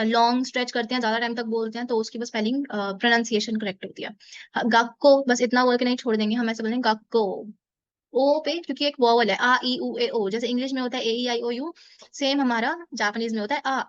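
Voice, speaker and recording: A woman teaching a beginner language lesson, explaining patiently and repeating words slowly and drawn out. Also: high-pitched, dry recording, highs cut off. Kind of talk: explaining a beginner lesson in Hindi-English mix.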